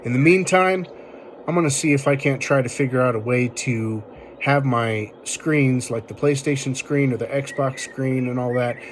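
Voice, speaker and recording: A man with a mid-pitched voice walks listeners through a tech tip in an informal, step-by-step way. He talks casually, as the host of a tutorial. There is faint noise behind him. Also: moderate pace.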